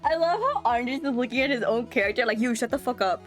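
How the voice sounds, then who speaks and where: A woman's voice: on the high side, big pitch swings, quick pace, soft background music. A woman reacting bluntly and slangily in casual chat during a game stream.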